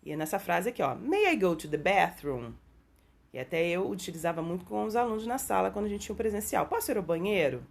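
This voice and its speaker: A woman English teacher explaining grammar step by step in a patient video lesson, often checking in with the viewer and reading example sentences slowly. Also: mid-range voice, animated, gravelly, slightly rough.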